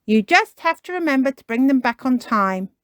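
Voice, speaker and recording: A woman voicing a brisk, cheery female rabbit librarian in a children's storybook. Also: high-pitched, lively intonation, a bit bright, clear, resonant tone, dry recording, clean studio sound, voice pushed up. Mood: helpful. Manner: brisk, calling out.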